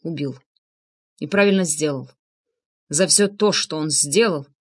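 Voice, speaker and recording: A woman's voice: lowish voice, animated, normal speed, fairly bright tone. A hardened former soldier spits harsh, contemptuous words in a storybook scene. A woman reading the audiobook voices him close to her own narrating voice. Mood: weary, flat. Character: hardened former paratrooper man, angry and blunt.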